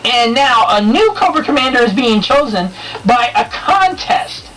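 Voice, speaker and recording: A man hosting his own review show in a casual vlog style, excitable and chatty, laughing often as he talks. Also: very high-pitched, a little slow. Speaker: show host reviewing comics and movies. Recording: distant mic with faint background noise.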